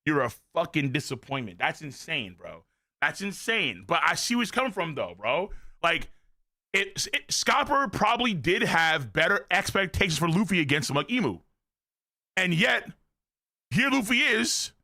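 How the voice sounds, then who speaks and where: A man streaming a live manga reaction, excitable and profane, full of slang. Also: fairly high pitch, normal speed.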